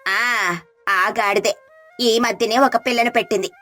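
A woman's voice: fairly high pitch, fairly even intonation, a little slow, sharp tone, faint music behind. A woman voicing a proud, bossy village mother-in-law in a storybook tale, giving orders in a haughty tone. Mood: commanding. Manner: commanding, haughty.

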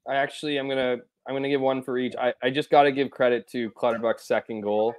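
Rambling sports podcaster. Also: male voice, mid-range voice, level tone, fast talker. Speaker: podcast co-host. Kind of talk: casual sports chat.

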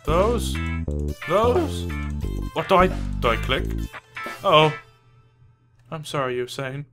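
Goofy, excitable man over game music. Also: on the high side, normal speed. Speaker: gaming video host. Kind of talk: comedic game commentary. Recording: game music playing behind voice.

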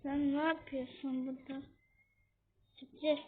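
Tinny high-voiced horror gamer. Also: level tone, unhurried. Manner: talks to viewers and scolds the game character. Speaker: gamer playing a horror game. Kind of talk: casual gameplay commentary. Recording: tinny phone-like audio with faint noise.

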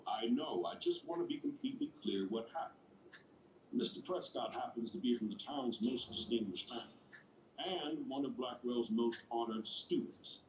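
An actor playing a stern, suspicious, patronizing school principal in a video game, measured and probing. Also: male voice, medium pitch, echoey room, slight background noise, lightly acted, poor audio.

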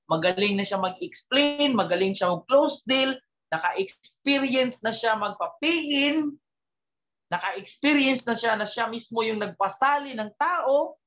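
A man speaking at a business team gathering, giving an animated motivational talk, mixing English words in and often asking the audience rhetorical questions. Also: sits high.

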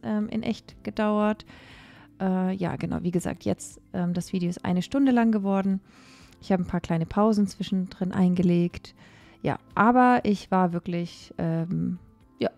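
A young woman narrates in a relaxed, chatty way, filling her pauses with little hesitations. Her voice is mellow and dark-toned. Soft music plays faintly underneath. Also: mid-range voice. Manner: chatty, with many fillers and pauses. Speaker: cleaning vlogger. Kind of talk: casual voice-over narration.

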